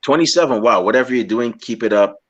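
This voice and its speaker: A young man from Guyana interviewing a guest in a relaxed, rambling way, often restarting his sentences. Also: medium pitch, muffled recording. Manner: rambling, halting with many restarts. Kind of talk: casual interview chat.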